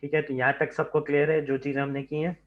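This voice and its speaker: A man's voice: a little high, flat delivery, fast talker. A man teaching a computer lab over a video call, explaining step by step and checking in with "ठीक है" at every turn. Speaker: lab instructor. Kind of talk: online lab lecture. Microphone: computer mic on a video call. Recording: slightly dull online class audio.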